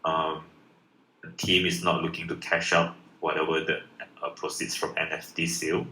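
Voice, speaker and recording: A deep-voiced man from Malaysia fields questions in a loose live Q&A, stalling on "um" and restarting his sentences. His tone is bright and forward. The audio has a roomy echo and faint background noise. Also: little pitch movement, moderate pace. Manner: hesitant, many fillers and restarts. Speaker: project founder. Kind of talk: casual live Q&A answers. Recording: echoey room with faint noise.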